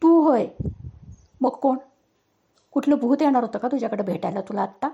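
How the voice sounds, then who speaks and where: A shrill, nagging mother raises her voice in an audio storybook, played by a woman narrator. Her tone is mellow and gravelly under the loudness. The recording sounds slightly dull. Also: animated, normal speed, full character voice. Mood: scolding. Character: stern fed-up middle-aged mother, scolding.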